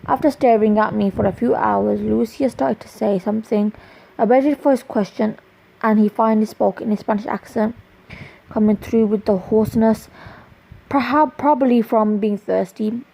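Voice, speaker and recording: A woman reading her own romance story aloud in a plain, halting way with small restarts, in a dull lo-fi recording. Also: a little high, vocal fry, mellow.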